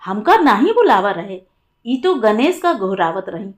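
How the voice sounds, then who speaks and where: A woman's voice: medium pitch, big pitch swings, a little slow. A woman doing a stubborn rustic male servant.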